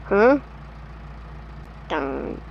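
Slow, gravelly-voiced woman muttering. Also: low voice, sing-song, dull audio, a little hiss or hum. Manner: muttering to herself, halting. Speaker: gameplay commentator. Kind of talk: casual gameplay commentary.

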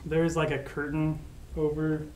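A game master talks players through a tabletop scene in halting, filler-heavy narration. The voice sits at a middle pitch and echoes around the room, with a faint hiss underneath. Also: flat delivery, darkish tone. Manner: rambling, hesitant, full of fillers.

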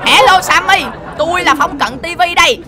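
A woman's voice: very high voice, fairly quick, a loud crowd, heavy background noise. A woman, hosting a playful gaming video, boasting and making sound effects as she plays. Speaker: gaming channel host. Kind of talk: playful game commentary.

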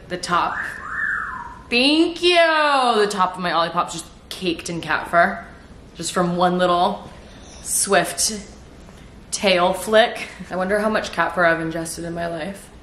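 A young woman vlogging at home, rambling through animated stories with lots of swearing and filler words. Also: fairly low pitch, unhurried, pauses often, slight background noise. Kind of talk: casual vlog chat. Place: at home in her apartment. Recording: roomy, echoey room.

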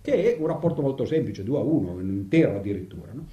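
An older man gives a lively public lecture on math and music, tagging his sentences with a questioning "no?" and dropping ironic asides. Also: mid-range voice, quick pace, dull audio. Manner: animated, constantly tags sentences with "no?", ironic asides. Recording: roomy echoing hall.

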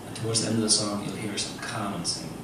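A man who is a musician gives an informal lecture to a seated audience in an indoor club room, halting as he explains things. His voice sits on the low side with a steady tone. The stage mic feeds speakers and is captured from far away, so the hall recording is echoey and noisy.

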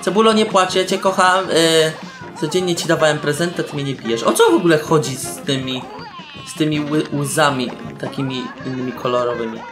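A young man giving excitable let's-play commentary, shouting, laughing and tossing in English slang. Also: on the high side, brisk. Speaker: gameplay commentator. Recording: roomy echo with faint game music.

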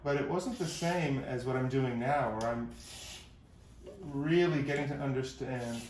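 A man's voice: mid-range voice, unhurried, a little mellow. A middle-aged man from New York with a New York accent, rambling casually and joking while he works on his gear. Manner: rambling, jokey asides, talks to his gear. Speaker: synth repair vlogger. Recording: roomy room, faint hiss.

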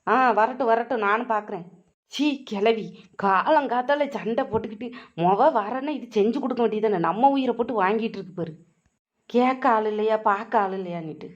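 A sharp-tongued young daughter-in-law, quick with mocking comebacks, as a woman plays her. Her voice is high and fast-paced. The recording sounds a little dull and lo-fi. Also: lightly acted. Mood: defiant. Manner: retorting, mocking, fast talking. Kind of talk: cartoon voice acting.

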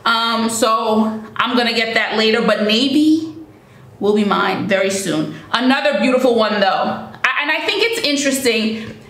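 A woman's voice: on the high side, normal speed, a bit bright, echoey room. Chatty woman reviewing nail polish. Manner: chatty, enthusiastic, repeats words for emphasis. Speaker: beauty vlogger. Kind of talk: casual product review.

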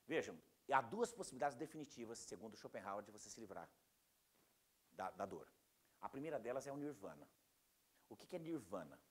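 A man teaching a class in a lively, animated way. He acts out the people he quotes in a raised voice and keeps asking the class whether it is true. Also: mid-range voice, husky. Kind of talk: classroom lecture.

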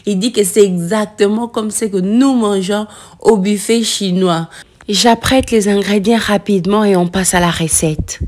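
A home vlogger in her thirties gives a slow, chatty kitchen tour and walks through cooking steps, frequently pausing with "euh" and using English words for food. Her medium-pitched voice is a little mellow with fairly even intonation.

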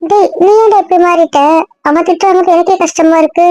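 Woman doing a young woman friend, high voice, chiding, dry. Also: fairly even intonation, brisk, a little mellow, no echo.

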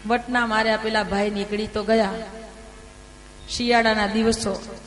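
A woman's voice: medium pitch, level tone, measured pace. A woman from Gujarat telling scripture stories as a preacher, emphatic, with rhetorical questions and asides to her listeners. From Gujarat, India. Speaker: scripture storyteller. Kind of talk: devotional sermon storytelling. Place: temple hall. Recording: reverberant hall with faint noise.

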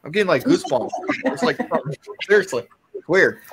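A man's voice: high voice, wildly swooping pitch, moderate pace, a little hiss or hum. A man on a video call telling rambling stories about his paranormal investigations, with frequent restarts. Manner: rambling, restarts, retells eerie encounters. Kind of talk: casual storytelling on a video call.

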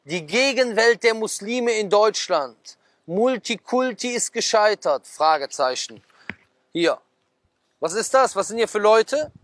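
Outdoors at a garden table, a preacher in his thirties reads headlines from magazines in a casual way, punctuating them with swift, gesture-laden asides and rhetorical questions aimed at his listeners. His expressive voice is high for a man and fairly bright, picked up close by a clip-on mic with no echo.

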